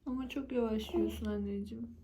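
A woman's voice: on the high side, steady tone, brisk, vocal fry, warm tone, slight background noise. A woman talking to a baby as a mother at mealtime, coaxing the child in short, repeated, casual phrases. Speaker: mother feeding her toddler.

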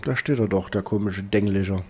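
A man casually commenting on his gameplay, excitable and mocking, with frequent swearing. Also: lowish voice, brisk, breathy edge. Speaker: let's play host. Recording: game music behind voice.

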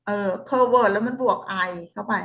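A woman with a Thai accent tutoring a child in phonics, sounding out English words slowly and patiently. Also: on the high side, steady tone, creaky, fairly bright tone, slight background noise. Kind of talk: phonics lesson. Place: home tutoring room. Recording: dull lo-fi recording.

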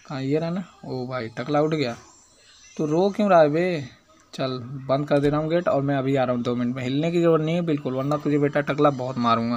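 A young man giving casual, excitable gameplay commentary, chatting in slang and scolding the game's baby character. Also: mid-range voice, highs cut off. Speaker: gaming YouTuber.

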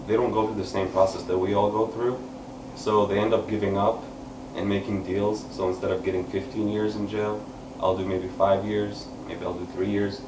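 At an open mic in a small indoor room, a low-pitched man in his thirties sits on a couch with his listeners and earnestly explains his poem before reading it. He pauses a lot and gestures while talking, moving between explanation and spoken word. With no mic in view, a distant camera records the echoey room along with background noise.

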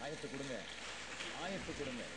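A man's voice: mid-range voice, very noisy. Formal male announcer, echoing hall. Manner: measured, formal announcing of names one by one. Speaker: master of ceremonies. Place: large church hall on a public address system. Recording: long hall reverb.

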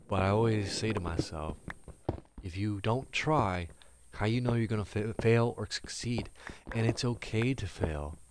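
A gaming streamer with a fairly low, unhurried voice and a stuffy nose gives upbeat, rambling commentary while playing and talking to his viewers in casual live gameplay chat. The background is noisy, with game music playing loudly behind him.

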